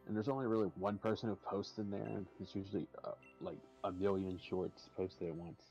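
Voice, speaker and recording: A man's voice: deep voice, fairly even intonation, a little fast, mellow, dull audio, soft background music. A young man hosting a game stream, chatting casually and rambling with many fillers.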